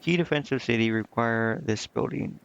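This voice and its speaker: Muffled lo-fi stream audio carries game music and a man's creaky yet smooth, somewhat bright voice at medium pitch. He talks at a normal speed, offering casual commentary on his game, reading aloud and muttering to himself often.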